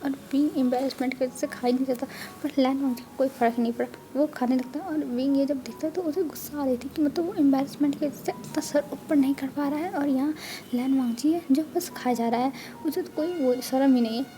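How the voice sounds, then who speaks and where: A woman's voice: high-pitched, warm tone, a little hiss or hum. A woman casually retelling a fan fiction story as the channel's host.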